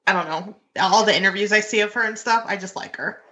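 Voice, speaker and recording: A woman with a bright, forward voice at an average pitch chats casually as a co-host. She sounds informal and a little tentative, thinking her opinions out as she goes. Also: fast talker, dull audio. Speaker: podcast co-host. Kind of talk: casual group chat.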